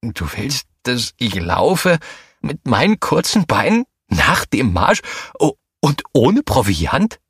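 A man's voice: fairly low pitch, wildly swooping pitch, unhurried, a bit bright, husky, dry recording, clean studio sound, full character voice. A man voicing a plump, short-legged male chief who speaks in an anxious, disbelieving way in a storybook reading.

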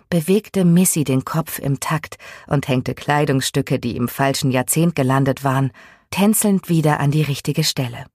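Audiobook narrator: woman, deep register, calm and even delivery, dead-dry studio sound. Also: no echo. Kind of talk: scripted storybook narration.

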